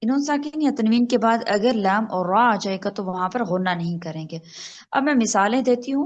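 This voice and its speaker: A woman teaching an online Quran recitation class, explaining rules patiently and slowly spelling out examples over a video call. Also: a little high, highs cut off.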